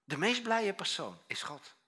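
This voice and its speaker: A husky-voiced male pastor delivers a sermon, with a bright, forceful edge to his voice. He tells stories animatedly, acting out voices, dropping to near-whispers and then rising to loud, high exclamations. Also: measured pace. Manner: animated storytelling, acts out voices, swings from hushed to shouting.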